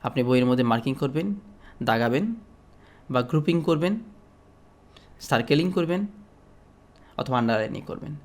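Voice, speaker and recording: Lecturing as a teacher, a man from Bangladesh explains his material in an animated, mid-range voice. He keeps a steady pace but pauses often and uses plenty of fillers.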